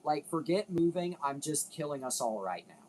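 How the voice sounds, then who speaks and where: A man's voice: on the high side, sing-song, normal speed, darkish tone, slight background noise, poor audio. A man hosting a casual commentary video, rambling, cutting himself off and swearing now and then. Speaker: video host.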